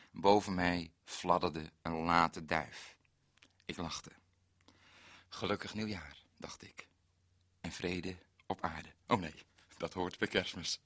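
A man's voice: deep voice, sharp tone, dry recording, exaggerated voice. An actor playing a naive, bumbling male forest ranger in a radio comedy monologue, with fussy, odd exclamations. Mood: wistful. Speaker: comic storyteller.

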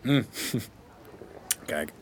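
A man in film dialogue, first hesitating through a voicemail full of fillers, then talking bluntly and forcefully. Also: drawn-out words, a little hiss or hum. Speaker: caller leaving a voicemail, then conversation partner.

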